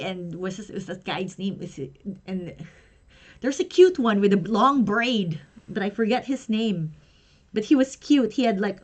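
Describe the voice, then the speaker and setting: A woman's voice: mid-range voice, a bit bright. A young woman and pro wrestler chatting casually on a livestream as she unboxes something, rambling and giggling as she goes.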